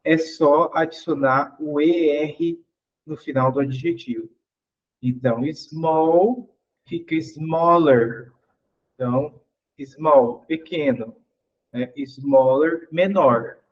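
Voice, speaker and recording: Slow, patient male English teacher. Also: on the high side, muffled recording. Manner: patient, asks the class questions, repeats each example. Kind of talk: explaining grammar in an online class.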